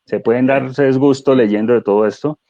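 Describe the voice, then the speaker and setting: A man speaking as a guest neuro-coach in a conversational webinar, animated and explanatory, asking rhetorical questions. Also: mid-range voice, fairly quick, dry recording, lo-fi sound.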